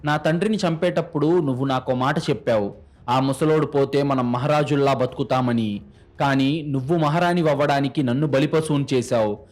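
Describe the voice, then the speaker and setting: A man's voice: medium pitch, moderate pace, darkish tone, natural voice. A man voicing a betrayed young adopted son who speaks bitterly and mockingly, in a narrated crime story. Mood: enraged.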